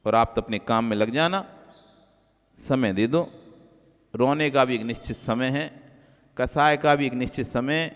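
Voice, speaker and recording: A male Jain monk giving a sermon, repeating key phrases and moving between soft low asides and raised, emphatic lines. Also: measured pace, pauses often. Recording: long hall reverb.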